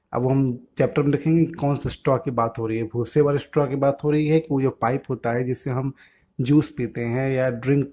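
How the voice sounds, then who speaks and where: A man's voice: mid-range voice, a little mellow. A man teaching English words to young children, patiently asking questions and answering them himself.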